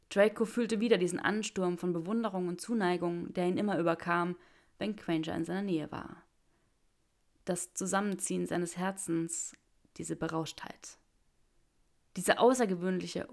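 A woman reads a fan story aloud with calm, measured storytelling. Her voice is lower than most and carries a gravelly texture. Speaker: narrator.

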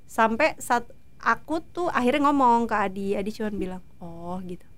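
A woman in her thirties, a guest in a casual interview, telling stories in a lively way and acting out what others said. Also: a little high, moderate pace. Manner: lively storytelling, acting out quoted voices.

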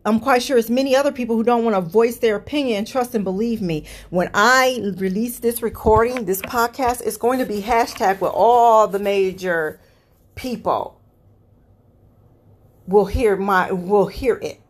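A Cleveland-area woman with a fairly high voice rants bluntly about politics on her own podcast, speaking at normal speed. Her manner is exasperated, and the profanity is frequent.

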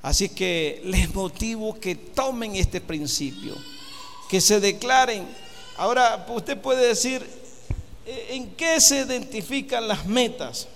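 High-voiced fervent male preacher. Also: animated, slow, long reverb tail, slight background noise. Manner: rising to loud fervent exhortation, leads call and response. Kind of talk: sermon.

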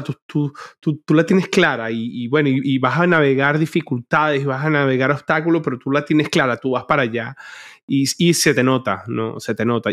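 A male podcast host speaks in a loose, roundabout way. He often stops and restarts his sentences while he works toward a compliment for his guest. His pitch sits in the middle range for a man. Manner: meandering, restarts sentences, admiring. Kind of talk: casual interview.

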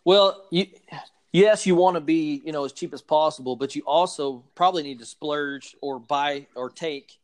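A man hosts a relaxed interview, drifting through his questions with plenty of fillers and easy pauses. His voice sits a little above the usual range for a man. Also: on the high side. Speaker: host. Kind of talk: casual podcast interview.

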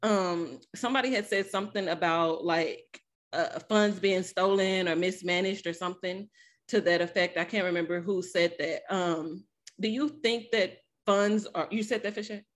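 A woman's voice: lowish voice, moderate pace. A talkative, outgoing woman from Arkansas with an Arkansas accent, hosting a casual discussion and telling stories. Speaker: host.

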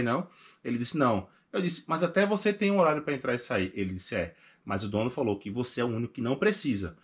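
Young Pernambuco-accented man, casual podcast guest, animated storyteller voicing quotes, mid pitch. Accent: Pernambuco Portuguese. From Recife, northeast Brazil. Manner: animated, acts out past conversations in quoted voices.

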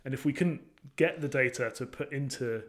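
A man's voice: mid-range voice, moderate pace. A man in casual chat as a podcast co-host, asking thoughtful questions with many fillers and restarts.

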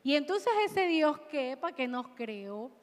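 A woman's voice: high-pitched, animated, measured pace, long reverb tail. A woman preacher giving a sermon in a large church, urging the congregation to answer back. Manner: exhorting, call-and-response with the congregation.

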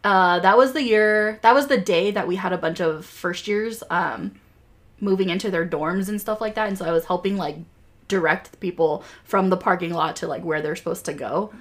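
A woman in her thirties co-hosting a podcast, telling a story in relaxed casual chat with light laughs. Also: fairly low pitch, moderate pace. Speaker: podcast co-host.

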